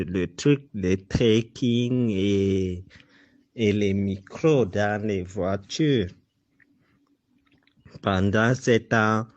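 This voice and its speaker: Low-voiced and insistent, a man from Cameroon speaks with his native accent in an informal exposé, repeating accusations to drive them home. The audio sounds dull.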